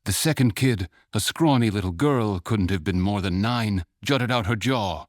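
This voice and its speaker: A man narrating a fantasy short story in a measured, even storytelling manner. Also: fairly low pitch, no echo, clean studio sound, natural voice. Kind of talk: scripted audiobook narration.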